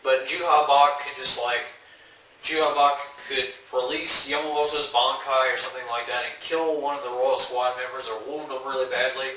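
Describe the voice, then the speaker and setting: A man's voice: medium pitch, little pitch movement, normal speed, bright, forceful tone. Rambling young man in an echoey room. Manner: rambling, filler-heavy, laid-back. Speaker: manga reviewer. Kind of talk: casual chapter recap. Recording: roomy echo, mic far off, faint hiss.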